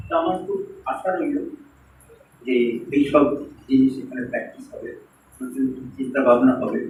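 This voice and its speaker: A man's voice: medium pitch, a little mellow, a little hiss or hum. A man with a Bengali accent giving a seminar talk, engaging the audience with hands-on exercises. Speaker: seminar speaker. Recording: roomy echo from far off.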